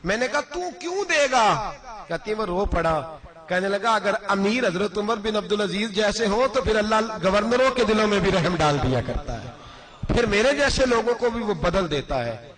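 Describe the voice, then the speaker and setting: A man's voice: high-pitched, animated, a crowd in the background. A male preacher telling a story in a sermon, passionate and climbing sharply at emotional points.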